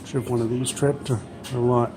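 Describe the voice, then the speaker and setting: A man's voice: mid-range voice, flat delivery, a little fast. A man giving casual, offhand running commentary, muttering to himself. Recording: clear background noise, vehicle ambience.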